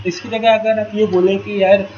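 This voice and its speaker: A man's voice: high voice, little pitch movement, moderate pace. A man running a parenting workshop, explaining patiently in a casual tone and asking the group rhetorical questions. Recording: dull lo-fi with loud ambient noise.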